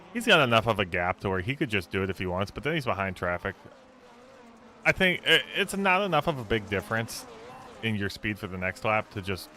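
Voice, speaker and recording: A man giving color commentary on a race, laid-back and rambling with fillers. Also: lowish voice. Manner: relaxed, rambling analysis with fillers.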